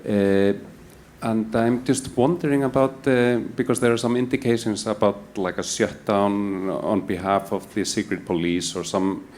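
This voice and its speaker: A man's voice: lowish voice, steady tone, a little slow, a little mellow, a little hiss or hum. Hesitant man in the audience. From Iceland. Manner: rambling, hesitant, full of fillers. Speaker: audience member asking a question. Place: audience at a live event.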